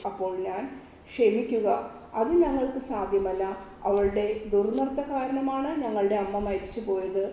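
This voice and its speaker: A woman's voice: fairly high pitch, dark tone. A woman reading a devotional story aloud, speaking all the dialogue in her own voice. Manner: reads every character's lines in her own voice. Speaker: narrator reading a religious book. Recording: echoey room, faint ambient noise.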